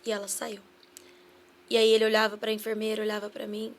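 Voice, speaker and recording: A woman's voice: medium pitch, monotone, brisk. A woman with a Brazilian Portuguese accent, a podcast guest giving an earnest personal testimony and acting out remembered dialogue. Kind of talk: personal testimony in a casual interview.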